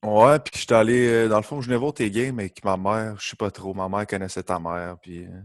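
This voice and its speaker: Low-voiced podcast host. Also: male voice, steady tone, fairly quick, no room sound, studio quality. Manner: friendly, informal, mixes in English words. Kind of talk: casual podcast interview.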